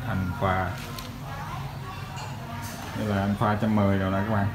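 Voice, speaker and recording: A man with a southern Vietnamese accent giving a chatty, hesitant used-vehicle salesman's pitch in a casual walkaround, filmed by handheld phone in a showroom. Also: flat delivery, moderate pace, over music. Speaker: used motorbike shop salesman. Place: tiled motorbike showroom. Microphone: handheld phone behind camera. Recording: noisy handheld recording with vehicle sounds.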